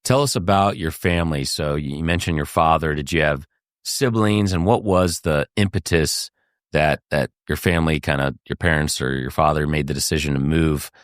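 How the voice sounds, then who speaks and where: A male host with a low voice asks his guest long, open questions in an encouraging way. The recording is close and dry, with no room sound. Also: moderate pace, no echo. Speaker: interview host. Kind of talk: conversational interview.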